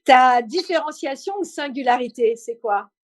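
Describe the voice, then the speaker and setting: A woman's voice: high voice, moderate pace. A woman hosting a live interview, speaking informally as she puts questions and introduces topics. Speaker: interview host. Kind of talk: live online interview, quiz-style questions then conversation.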